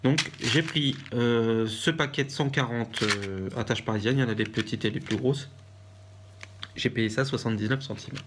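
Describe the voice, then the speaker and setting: A man from France with a French accent, chatting casually in a craft haul vlog and pausing often with fillers and restarts. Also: mid-range voice, background noise. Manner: hesitant, many fillers and restarts. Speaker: vlogger.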